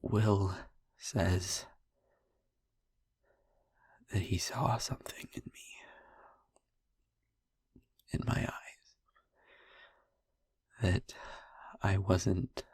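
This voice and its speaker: Whispering in a lowish, husky, breathy register, a man plays a haunted, tender, wry young vampire boyfriend for an intimate audio roleplay. He pauses long and haltingly, keeps his intonation fairly even, and exaggerates the voice. No room sound can be heard.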